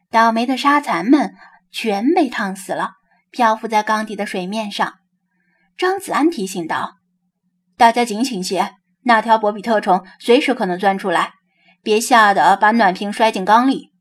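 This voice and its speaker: Higher-voiced woman reading a novel aloud. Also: slightly rough. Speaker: audiobook narrator. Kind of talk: scripted narration.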